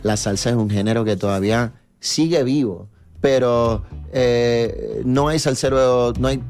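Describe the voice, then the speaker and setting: A man's voice: medium pitch, measured pace, faint music behind. Chatty man with musical bed behind. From New York, USA. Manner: animated storyteller, many fillers and tag questions. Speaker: reggaeton artist, guest. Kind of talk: casual interview chat.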